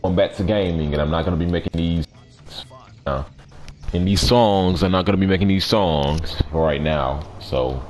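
A young man with a raspy voice doing casual, slangy, playfully complaining commentary over a video game. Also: low voice, normal speed, a little mellow. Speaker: gaming video host. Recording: noisy track with game sounds behind. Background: video game audio.

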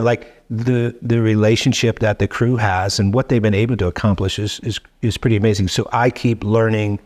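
A man's voice: mid-range voice, a little mellow. A middle-aged man as a guest on a casual podcast interview, reflective and repeating words as he thinks, speaking into a desk mic in a wood-paneled studio. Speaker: guest, show co-creator. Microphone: boom mic on desk stand.

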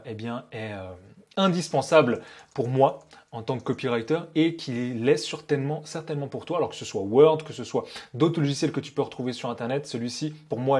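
Young male copywriter, husky voice, casual hesitant screen-share tutorial, middle pitch. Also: darkish tone. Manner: hesitant, many "euh, eh bien" fillers, addresses viewer informally. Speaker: copywriter teaching software tools.

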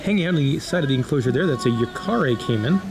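A man casually narrating a walk through a zoo, pointing out animals in a relaxed, chatty way. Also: medium pitch, quick pace, creaky, music in the background. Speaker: zoo tour vlogger. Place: outdoor zoo walkways. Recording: outdoor noise around camera mic.

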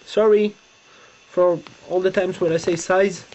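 Here a young man from Romania, whose first language is Romanian and whose accent shows it, halts through a step-by-step folding tutorial while seated on his bedroom bed, searching for words. His high voice is steady and slightly mellow. Faint hiss runs through the dull, lo-fi close-up webcam recording.

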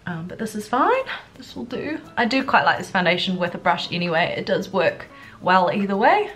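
Sick with a stuffy cold, this young beauty vlogger talks through a makeup tutorial in a casual, slightly subdued way from her furnished living room. She speaks at a moderate pace in a sing-song, fairly bright, medium-pitched voice, with music playing in the background.

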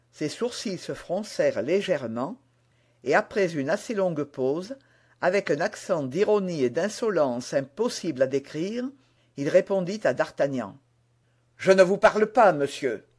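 A man reading a classic adventure novel aloud in a clear, measured storytelling voice. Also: a little high, a little mellow. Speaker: reader. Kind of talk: audiobook narration of a classic novel.

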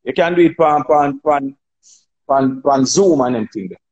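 A man with a Jamaican accent chatting on a phone livestream, telling animated stories, laughing and acting out dialogue. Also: a little high, moderate pace, lo-fi sound. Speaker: dancehall artist on a live stream. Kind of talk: casual chat on a livestream.

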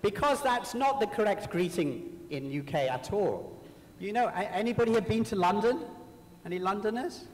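Male speaker, Sri Lankan accent, slightly high voice, wry anecdotal public talk, big reverberant hall. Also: animated, normal speed. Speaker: author speaking at a conference. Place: large hall, live talk to an audience. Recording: very echoey hall with long reverb.

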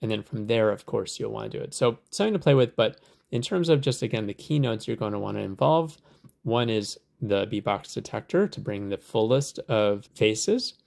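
A man hosting a software tutorial, explaining steps in a relaxed, conversational way with lots of fillers. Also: fairly low pitch, moderate pace, vocal fry. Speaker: tutorial host.

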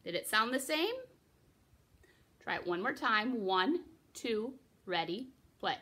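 A woman's voice: a little high, expressive, slow pace, very noisy. A young woman giving a recorder lesson for children, patiently explaining and encouraging, counting her students in. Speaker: music teacher.

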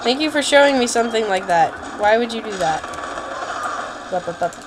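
A woman's voice: on the high side, animated, fairly quick, noisy background. A woman giving casual, jokey let's play commentary, exclaiming and muttering to herself as she plays.

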